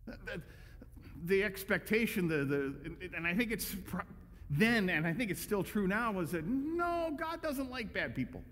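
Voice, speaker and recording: A man's voice: sits high, very animated, moderate pace, fairly bright tone. A male pastor preaching a conversational, emphatic sermon with frequent restarts. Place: church sanctuary. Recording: echoey church hall.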